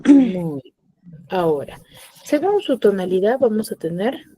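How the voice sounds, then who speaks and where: A woman's voice: medium pitch, sing-song, a little slow, mellow, breathy edge, rough recording. A woman teacher, lecturing in an online class, explaining patiently, repeating key terms and checking that the students follow. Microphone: computer mic on a video call.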